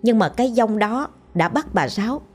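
A woman's voice: a little high, lively intonation, moderate pace, a little mellow, slightly rough, soft background music. A woman with a Southern Vietnamese accent narrating a ghost story in a colloquial, chatty way. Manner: colloquial, conversational telling.

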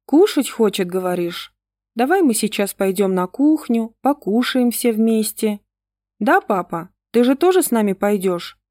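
A woman reader voicing a bewildered young mother who talks in a soft, coaxing, cooing way. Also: a little high, lively intonation, unhurried, no room sound, studio quality. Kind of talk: audiobook reading.

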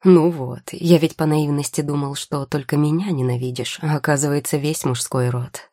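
A sly, mocking young man, a rival potion-maker who keeps pressing with dry questions, as a woman reads him in an audiobook. The voice sits low and dark with a husky edge. It is close and dry, with no room around it. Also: steady tone, moderate pace, no room sound. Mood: probing. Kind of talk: audiobook character voice.

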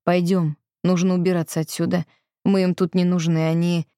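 A woman reader gives a blunt young man in an audiobook, urging and impatient. She barely changes her own voice, which stays low and dark, with a dry, close sound. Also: flat delivery, moderate pace, clean tone, no room sound, natural voice.

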